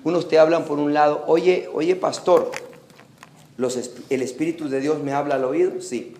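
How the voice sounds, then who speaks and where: A male pastor preaches in Spanish in a reverberant church, his voice set a little high. He reads the scripture in slow, weighty phrases, then builds to emphatic calls. A faint room ambience hangs behind him. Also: fairly even intonation, a little mellow, slight background noise. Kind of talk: Pentecostal-style sermon. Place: church sanctuary. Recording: echoey church hall recording.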